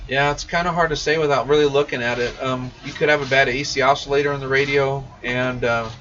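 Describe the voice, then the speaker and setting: A radio shop technician answers viewers' questions during a casual live stream, sounding informal and enthusiastic. He has a medium-pitched, somewhat bright voice with fairly even intonation and a quick pace. The audio comes from a muffled, distant mic with faint noise in the background.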